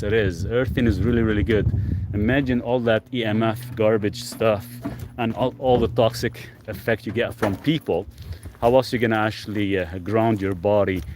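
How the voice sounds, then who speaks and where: A man's voice: lowish voice, fairly even intonation, moderate pace, noisy background. A man from Lebanon chatting casually on an outdoor live stream, reading viewer comments aloud and answering them. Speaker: livestream host. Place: outdoors on rural off-grid land. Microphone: phone camera.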